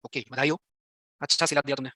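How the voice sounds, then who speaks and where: Male teacher, very fast speech, bright sharp voice, dry close sound, teasing and scolding. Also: medium pitch, fairly even intonation, dry recording. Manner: teasing, scolds students by turns. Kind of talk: live online exam-prep class.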